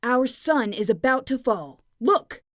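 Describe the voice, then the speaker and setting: A woman's voice: sits high, animated, takes it slowly, no room sound, studio quality, voice pushed up. A woman doing a stern dog dad. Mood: earnest. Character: stern old-fashioned dog father.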